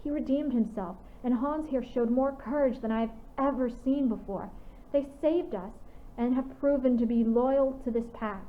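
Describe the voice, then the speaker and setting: A woman voicing a lively, brave young girl wolf walker who shouts joyfully and speaks earnestly, on tinny phone-like audio. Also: a little high, moderate pace, close to an everyday voice. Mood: serious.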